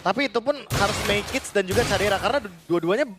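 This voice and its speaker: High-voiced Indonesian male esports analyst. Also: animated, fast talker, noisy background. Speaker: esports match caster. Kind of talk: live analytical esports commentary. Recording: loud music behind the voice.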